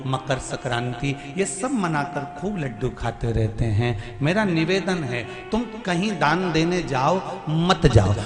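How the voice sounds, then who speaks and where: A man, giving a devotional sermon in a folksy, teasing way, sometimes half-singing. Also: fairly high pitch. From Madhya Pradesh, India. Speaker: religious storyteller. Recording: echoey hall with music behind.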